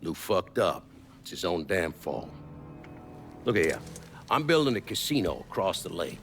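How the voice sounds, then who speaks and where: An actor playing a blunt, coarse crime boss in a game scene, talking matter-of-factly. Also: male voice, deep voice, very animated, unhurried, a bit bright, faint music behind, full character voice. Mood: cold. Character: gruff older male mob boss, blunt.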